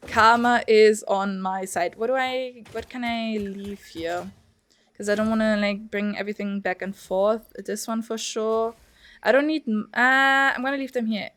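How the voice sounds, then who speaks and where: A woman's voice: a little high, steady tone, normal speed, fairly bright tone. A young woman streaming a game, rambling and swearing freely as she chats with her viewers. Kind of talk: casual gameplay commentary. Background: faint music.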